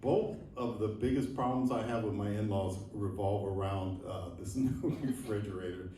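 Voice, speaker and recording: A man in his sixties doing a stand-up set, rambling and self-deprecating with lots of halting fillers. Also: on the low side, dark tone, a little hiss or hum. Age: 60s. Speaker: stand-up comedian. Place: live comedy venue with audience laughing. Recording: echoey room, mic at a distance, crowd laughter.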